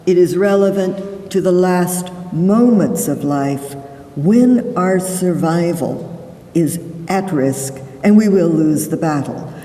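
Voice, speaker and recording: Woman lecturing, slow deliberate delivery, emphatic stresses, echoey conference hall, voice from far off the mic. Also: on the low side, animated, dark tone. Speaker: psychologist giving a keynote lecture.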